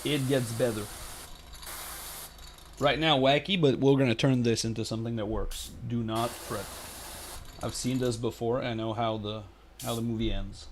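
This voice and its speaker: A man's voice: medium pitch, steady tone, moderate pace, pauses often, slight background noise. A man hosting a live miniature painting tutorial, chatting casually and rambling with lots of fillers, joking and talking to his chat. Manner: jokey, talks to chat.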